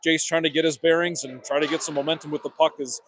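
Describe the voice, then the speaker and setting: A man calling youth hockey play-by-play, running through quick play calls with chatty asides. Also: fairly high pitch, fairly even intonation, fairly bright tone, slight background noise. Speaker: play-by-play commentator.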